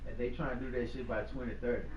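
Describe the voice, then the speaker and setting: A man, chatting loudly and emphatically on a live game stream, repeating himself and using slang. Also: medium pitch, level tone, very fast, crowd noise. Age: 40s. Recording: roomy, distant, dull lo-fi sound with loud music. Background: loud music and a television.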